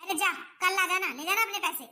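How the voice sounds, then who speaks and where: A bright, very high-pitched voice snaps and scolds as a stubborn mother-in-law in a home drama skit, acted by a woman. She brushes people off and argues back without pause. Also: a little hiss or hum, full character voice. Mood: dismissive. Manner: scolding, dismissive. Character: nagging middle-aged mother-in-law, stubborn.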